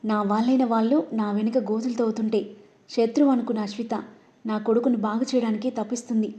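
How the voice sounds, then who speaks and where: A woman's voice: on the high side, fairly even intonation, fast talker, warm tone, lightly acted. A woman doing a stern old grandmother matriarch. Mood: rueful. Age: older. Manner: scolding, commanding.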